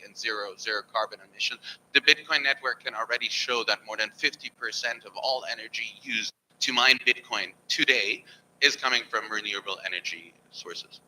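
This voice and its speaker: A man's voice: medium pitch, bright, forceful tone, a little hiss or hum, low-quality recording. A man from Germany speaking on a panel at an event, emphatic and persuasive. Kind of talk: panel discussion. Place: event hall.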